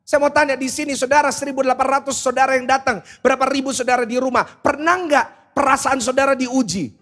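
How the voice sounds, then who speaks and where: Sex: man. Role: pastor. Style: humorous sermon. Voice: high, husky. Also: steady tone, quick pace, fairly bright tone, soft background music. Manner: humorous, storytelling, addresses congregation directly. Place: large church before a congregation.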